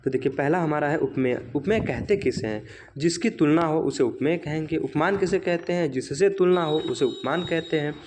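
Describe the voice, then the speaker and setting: A man with a slightly high voice teaches an exam revision class. He poses rhetorical questions and answers them himself, and keeps checking with "right?". He slows right down whenever he recites an example line. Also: a little mellow, slight background noise.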